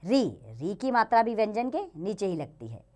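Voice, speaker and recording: A woman teaching a children's Hindi grammar lesson, slowly sounding out each letter and example word and speaking to the children directly. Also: mid-range voice, sing-song, a little mellow.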